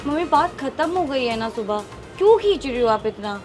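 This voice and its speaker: A placating young wife. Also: female voice, high voice, expressive, normal speed, faint music behind. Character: young wife caught between mother and husband. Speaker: daughter and wife. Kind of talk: comedy sketch acting.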